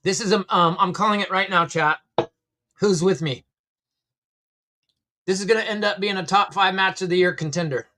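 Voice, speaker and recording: A man with a slightly high voice hosts a casual live stream. He talks conversationally and gives his opinions freely, answering viewers as he goes. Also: normal speed, long pauses, sharp tone. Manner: opinionated, conversational, reads out and answers chat comments. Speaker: livestream host reacting to wrestling.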